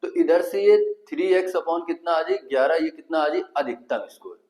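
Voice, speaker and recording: A man's voice: fairly high pitch, normal speed, a little mellow, rough recording. Man teaching math in a Kanpuri accent. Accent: Kanpur Hindi. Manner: asks the class questions then answers them himself, stepwise and repetitive. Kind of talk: exam-prep math lesson.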